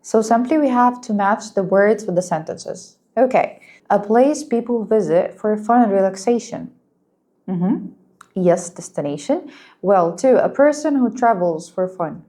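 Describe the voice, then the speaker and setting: A woman whose first language is Arabic teaching an English lesson, speaking slowly and clearly and praising her students. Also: mid-range voice, dark tone. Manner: patient, encouraging, slow and clear, explains in Arabic too.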